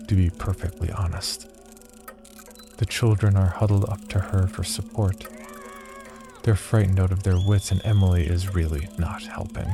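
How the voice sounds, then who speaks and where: In a low voice, a man plays a cold, detached psychology researcher reading a sinister diary, giving a measured, clinical first-person narration for horror audio fiction. He sounds irritated and cold, and loud music plays beneath his voice.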